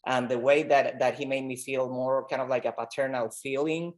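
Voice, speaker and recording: A man from Rico, a doctor telling his story in an interview, earnest and halting, with many fillers and repeated words. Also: mid-range voice, steady tone. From Puerto Rico. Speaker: pediatric oncologist guest. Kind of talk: conversational interview.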